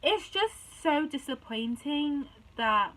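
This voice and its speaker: A woman's voice: high voice, expressive, slow pace, a bit bright, poor audio. A young woman telling a story to camera in indignant, chatty vlog talk, often restarting her sentences. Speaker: vlogger. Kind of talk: casual storytime chat.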